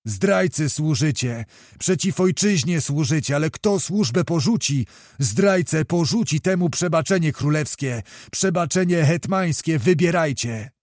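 A man playing a fiery young cavalry commander who roars his orders at the troops, in a raised, pushing voice. The delivery is loud and urgent, with every call thrown out to rally men. The sound is close and dry, with no room around it. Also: a little high, lively intonation, measured pace, no echo. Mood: rousing.

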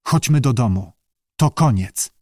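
A man's voice: medium pitch, animated, a little slow, a little mellow, no room sound, studio quality. A male audiobook reader voicing a stubborn old father who scolds his son and later grows shaken and afraid. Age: older. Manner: scolding, dismissive, later shaky and fearful. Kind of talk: audiobook character voice.

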